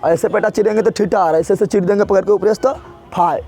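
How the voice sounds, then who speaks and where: A man's voice: high voice, fairly even intonation, fast talker, vocal fry, dark tone, soft background music. A man teaching a physics lesson, asking students questions and repeating key words again and again. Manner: repetitive call-and-response questioning. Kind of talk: classroom lecture.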